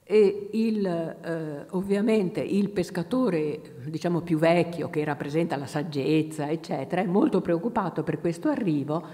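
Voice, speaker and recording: A woman from Italy gives an academic lecture in a low, mellow voice, pausing often with fillers as she gathers her thoughts. Her words ring with long reverb from a lecture hall. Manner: hesitant, many fillers, reads quotations aloud. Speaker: university lecturer.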